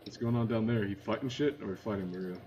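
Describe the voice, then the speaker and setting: Low-voiced man swearing through game banter. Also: fast talker, faint music behind. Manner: profane, excitable banter. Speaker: player. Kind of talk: casual tabletop game chat. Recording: dull, noisy home recording.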